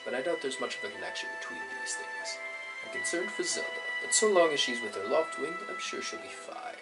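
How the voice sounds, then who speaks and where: A man voicing an older, gentle father worried about his daughter, speaking softly and a little breathily, over game music. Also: mid-range voice, close to an everyday voice.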